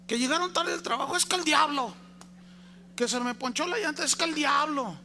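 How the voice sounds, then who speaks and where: A man's voice: very high voice, brisk, sharp tone, slight background noise, pitched above the performer's own voice, full character voice. A man voicing a sulking, fed-up male devil who complains in a whiny, self-pitying way about being blamed for everything. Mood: aggrieved.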